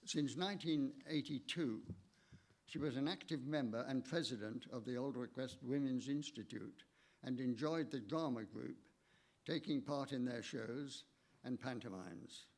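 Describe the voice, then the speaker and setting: An older man, giving a measured, halting eulogy for his late wife in a church, read from notes with small stumbles. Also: mid-range voice, a little mellow.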